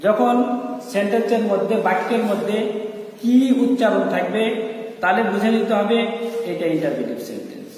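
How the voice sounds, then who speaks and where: A male schoolteacher from Bangladesh giving a grammar lesson, repeating phrases slowly and asking the class questions. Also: sits high, darkish tone. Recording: echoey hall from far off.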